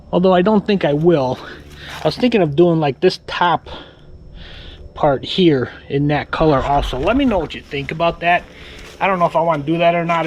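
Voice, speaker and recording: A man chats casually to his camera outside in his sunny backyard, wandering from thought to thought and circling back on himself. His voice sits a little high for a man. Faint outdoor ambience hums under him. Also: slight background noise, poor audio. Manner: rambling, repeats himself, many fillers. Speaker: vlogger. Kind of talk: casual vlog chat.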